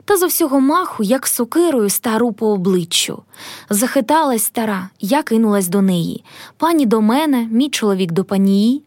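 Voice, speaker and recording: A woman's voice: a little high, expressive, moderate pace, a little mellow, no room sound, clean studio sound. A woman narrating a literary story, reading it with emotion. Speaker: audiobook narrator.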